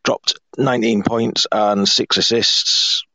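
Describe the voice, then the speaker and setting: A man with a hoarse, croaky frog-in-the-throat voice, hosting a casual sports podcast. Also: fairly low pitch, fairly even intonation, slow, pushed and bright, no room sound, rough recording. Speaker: podcast host.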